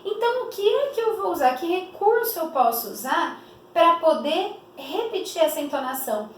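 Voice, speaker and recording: A woman with a high voice gives a grammar lesson, pausing often to quiz her students with questions. She draws out the example phrases slowly so they sink in. The recording is roomy and echoey, with her voice a bit distant from the mic and faint background hiss. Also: big pitch swings. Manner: didactic, stretches example phrases slowly, many rhetorical questions. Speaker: teacher. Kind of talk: explanatory classroom lesson.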